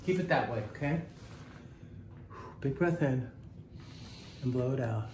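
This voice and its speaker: This chiropractor and host in his 50s has a medium-pitched, darkish voice and an unhurried pace, joking bluntly with patients as he treats them in a small indoor room. A handheld camera a few feet away picks him up, so the sound is roomy and distant with faint noise.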